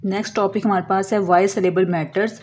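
A woman explaining a lesson as an English teacher, slowly drawing out example words and answering her own questions. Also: mid-range voice, fairly even intonation, darkish tone. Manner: asks questions and answers them herself.

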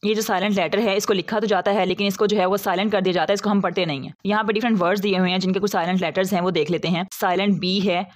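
Woman teacher, patient step-by-step explainer, steady mid-pitched voice, close voice-over. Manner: patient, methodical, repeats each rule. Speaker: English pronunciation teacher. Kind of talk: explanatory lesson.

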